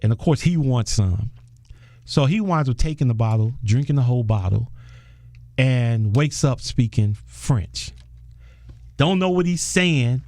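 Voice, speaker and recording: A man talks through a story, his pitch jumping as he acts out other people's lines. He laughs often and keeps the tone casual. The sound is dry and close, with no room echo. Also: unhurried. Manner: animated storyteller, acts out quoted voices. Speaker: film director guest. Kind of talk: casual interview talk.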